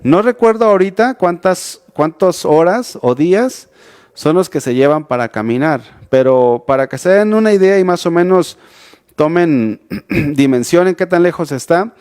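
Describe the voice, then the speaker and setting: A man's voice: on the high side, darkish tone. A man with a Mexican accent preaching a youth sermon, talking casually with many restarts and rhetorical questions. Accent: Mexican Spanish. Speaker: youth pastor. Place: church, streamed online.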